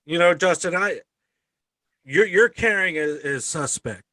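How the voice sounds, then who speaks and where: A man hosting a podcast in casual chat, with a halting, stammering delivery. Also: a little high, lively intonation, pushed and bright, dry recording. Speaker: podcast host.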